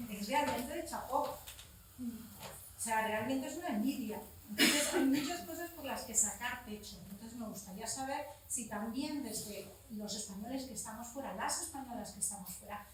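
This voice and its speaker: In an echoey room, recorded from far away with a little hiss or hum, a Spanish woman in her forties rises from the audience at a public event to make an impassioned, spontaneous remark. She has a high voice and is blunt and frank, swearing casually and restarting over and over.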